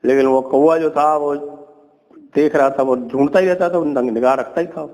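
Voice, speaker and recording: A man hosting a talk who retells an old fable with lively storytelling and commentary. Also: moderate pace, long reverb tail, poor audio. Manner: lively storytelling, drops to low asides. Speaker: host, commentator.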